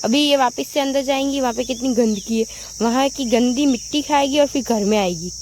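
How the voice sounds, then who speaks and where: A woman vlogging about her dog, chatting to viewers and repeatedly calling out to scold the dog. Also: brisk. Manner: repeats "look, look", scolds her dog in sharp high calls. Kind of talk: casual vlog chat. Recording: outdoor noise with crickets.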